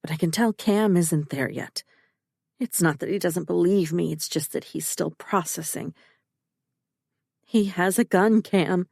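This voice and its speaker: Woman reading a thriller audiobook, tense and urgent, kinda low voice, dry close mic. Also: measured pace, vocal fry, a little mellow, husky, no room sound. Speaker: audiobook narrator. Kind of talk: first-person thriller audiobook narration.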